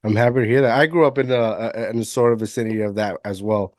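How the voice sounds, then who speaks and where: A man's voice: fairly low pitch, fairly even intonation, fast talker, dry recording, studio quality. A man from Puerto Rico hosting a podcast interview, enthusiastic and often restarting his sentences. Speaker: podcast host. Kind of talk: casual interview chat.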